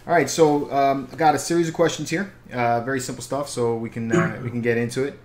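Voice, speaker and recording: A man's voice: medium pitch, steady tone, quick pace. Older man, interview host, upbeat and loose, stumbles on questions, echoey room. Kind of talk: scripted introduction and casual questions. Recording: echoey room, faint noise.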